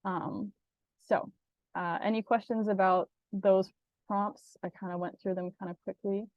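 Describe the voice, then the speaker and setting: A woman giving a casual online writing workshop, talking loosely with many pauses and fillers. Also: medium pitch, no echo, muffled recording. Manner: relaxed, many ums, laughs easily. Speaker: workshop presenter.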